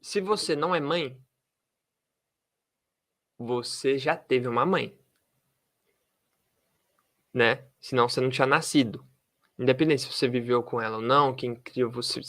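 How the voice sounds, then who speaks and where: Slow-speaking male English teacher. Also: medium pitch. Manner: switches between Portuguese and English, models pronunciation slowly. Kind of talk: English lesson taught in Portuguese.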